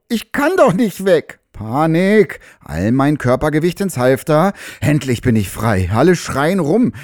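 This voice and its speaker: A man's voice: sits high, a little mellow, no echo, studio quality, voice pushed up. A man voicing a panicked young horse at its first shoeing, speaking its frantic, pleading thoughts. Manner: frantic, pleading inner monologue.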